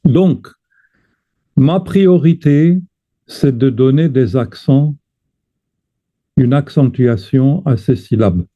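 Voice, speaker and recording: A man teaching a chant lesson, explaining slowly and carefully and breaking off to sing short chant phrases. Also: mid-range voice. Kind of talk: teaching lesson with sung examples. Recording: tinny phone-like sound.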